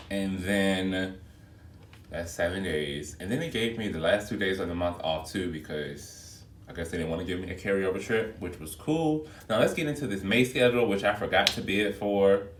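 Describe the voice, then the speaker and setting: A man speaking in a fairly low voice chats through his work schedule in a loose, expressive way, calling his viewers y'all. He is recorded on a phone video set back from him, so the voice sounds distant and echoes around the room. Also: a little hiss or hum. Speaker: flight attendant vlogger. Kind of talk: casual vlog chat to viewers.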